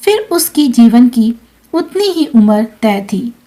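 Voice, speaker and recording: Woman, storyteller, emotional narration, high voice, animated pitch. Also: slow pace.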